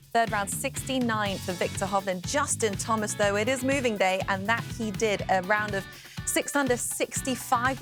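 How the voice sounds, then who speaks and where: A woman hosting a golf studio show, delivering broadcast commentary on highlights. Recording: music bed behind studio narration. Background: music.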